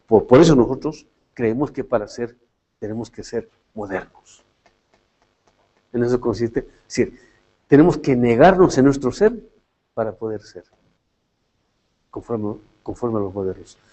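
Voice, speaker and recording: Male lecturer, reflective, mellow tone, tag questions, dull lo-fi sound. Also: medium pitch. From Latin America. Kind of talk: philosophy lecture.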